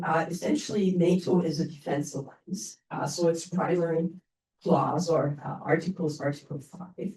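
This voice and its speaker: A woman panelist with a stuffy, cold-affected voice gives an explanatory talk. Her tone is soft-edged and dark, picked up at a distance in an echoey room. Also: sits low, slight background noise. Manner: explanatory, often checking with "right?". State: stuffy voice from getting over a cold. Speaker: panelist, security expert. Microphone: only microphone among the speakers.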